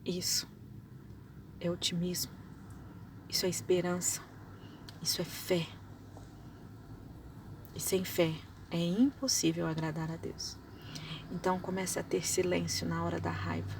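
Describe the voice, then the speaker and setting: A woman's voice: fairly low pitch, fairly even intonation, unhurried, vocal fry, pauses often, far from the mic, slight background noise. Dramatic woman preaching. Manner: dramatic, swings between loud outbursts and hushed whispers. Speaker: preacher giving testimony. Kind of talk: sermon.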